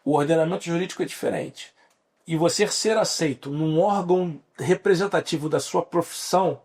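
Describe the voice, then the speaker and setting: A man in his forties from Brazil, appearing as a lawyer guest on a podcast, speaks at a moderate pace in a slightly high, slightly rough voice with a darkish tone. His Brazilian Portuguese accent is evident, and his long explanations are full of restarts.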